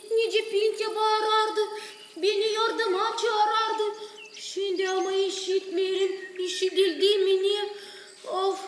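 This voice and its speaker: A fretful clucking hen. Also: female voice, very high-pitched, slight background noise. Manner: anxious, clucking, sighing. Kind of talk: children's stage play. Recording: echoey theatre hall with music.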